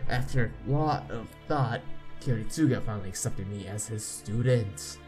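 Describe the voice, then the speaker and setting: A man with a fairly low voice hosts a game playthrough, reading the on-screen text aloud with asides. He's a halting reader who often stumbles and repeats misread words, and music plays underneath.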